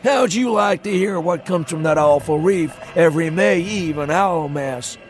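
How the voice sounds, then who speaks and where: A man's voice: a little high, a little slow, voice pushed up, lightly acted. A man doing a haunted, rambling old townsman. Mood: urgent, ominous. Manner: rustic old-timer dialect, drawling and insistent. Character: terrified ancient male townsman, rambling and haunted. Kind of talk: audiobook character voice. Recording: music underneath. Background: music.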